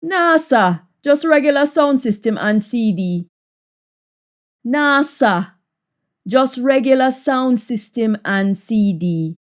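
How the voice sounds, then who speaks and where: Female language teacher, Jamaican Patois, slightly high voice, very unhurried, repeats example sentences deliberately. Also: expressive. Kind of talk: Jamaican Patois lesson, practice sentences said in English then repeated in Patois.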